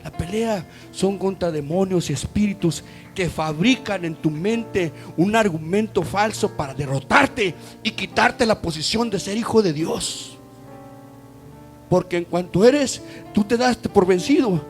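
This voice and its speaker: High-voiced man preaching with dramatic swings. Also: a little slow, soft background music. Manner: dramatic preaching, swinging from loud urging to hushed near-whispers; addresses listeners as "hermano". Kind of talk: sermon.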